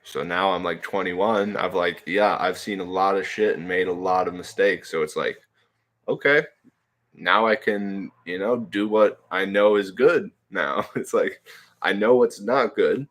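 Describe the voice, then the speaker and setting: Chatting casually by himself on a livestream, a twenty-something guy reads viewers' comments out loud, laughing often and padding his rambling with fillers. His voice is low, a bit bright, and a little slow.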